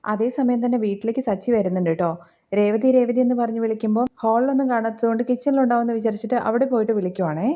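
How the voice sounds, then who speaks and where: A woman's voice: fairly high pitch, lo-fi sound. A woman with a Keralan accent casually retelling a TV serial episode, running the characters' lines together with her narration. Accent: Keralan Malayalam. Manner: brisk retelling with tag words and quoted dialogue. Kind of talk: casual spoken episode recap.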